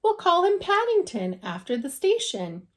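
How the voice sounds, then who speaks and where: A woman voicing a warm-hearted, decisive middle-aged wife and mother in a storybook, brisk and given to exclaiming. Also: extremely high pitch, big pitch swings, voice pushed up.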